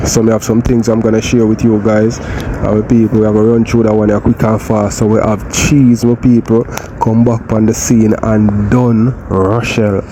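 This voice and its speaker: A man's voice: on the low side, level tone, moderate pace. A man with a Jamaican accent hosting a gossip channel, greeting his viewers casually and often calling them "my people". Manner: repeats "my people", laid-back. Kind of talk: casual commentary. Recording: noisy background.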